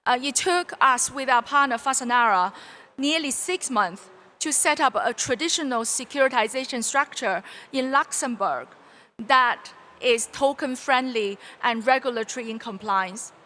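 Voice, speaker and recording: Woman, conference panelist, earnest explanations, bright crisp tone. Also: high voice, normal speed. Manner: earnest, explains step by step with restarts. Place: conference stage.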